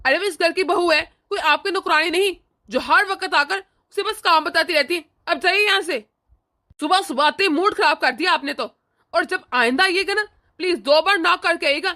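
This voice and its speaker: A scornful young husband in a cartoon, voiced by a woman. He scolds and sneers, and the voice sits very high. Its tone is bright and cutting. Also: normal speed. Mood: scolding. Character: young husband, rude and scornful to his mother. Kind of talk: cartoon voice acting.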